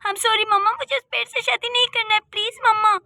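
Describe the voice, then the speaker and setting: A woman's voice: extremely high pitch, flat delivery, brisk, bright, forceful tone, dry recording, clean studio sound. A woman voicing a frightened young village woman who pleads tearfully in a cartoon story. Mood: crying. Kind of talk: cartoon voice acting.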